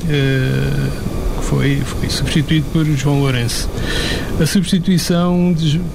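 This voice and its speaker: A man commenting in a casual discussion, measured and analytical, with some fillers. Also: a little high, steady tone, vocal fry, background noise.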